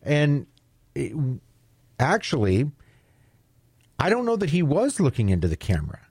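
A man co-hosting talk radio, thinking out loud with repeated words and hesitant restarts. His pitch moves in a lively way, and the voice sounds dry and close. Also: measured pace, breathy edge, no room sound.

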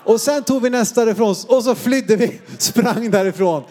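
An extremely high-pitched but warm male voice carries this sermon. The Swedish man in his thirties tells comic, self-deprecating stories from his boyhood as personal anecdotes, with a humorous storyteller's style.

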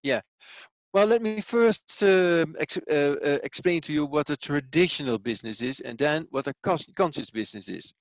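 Dutch-accented male guest, slightly high and gravelly, hesitant explainer on a dull remote line. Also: animated, normal speed, no room sound. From Netherlands. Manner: hesitant, many fillers and restarts. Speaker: business coach guest. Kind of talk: explanatory interview answers.

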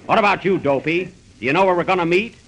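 An actor playing a brisk, bossy comic gang leader and wry announcer in an old radio sketch. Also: male voice, high-pitched, crowd noise, natural voice. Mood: commanding. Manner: brisk, wisecracking. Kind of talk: 1930s radio comedy sketch acting and narration. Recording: noisy old radio recording.

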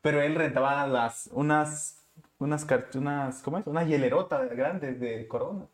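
A man's voice: a little high, normal speed, reverberant. A man with a Mexican Spanish accent telling a rambling party story in a casual chat, searching for words.

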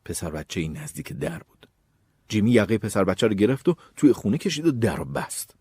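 A man in scripted narration, reading a suspense novel aloud with expressive storytelling. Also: fairly low pitch, breathy edge, no echo. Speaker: audiobook narrator.

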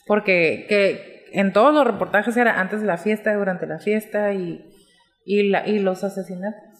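Woman, podcast co-host, casual conversational chat, mid pitch, long reverb. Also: normal speed. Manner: comments conversationally and thinks aloud.

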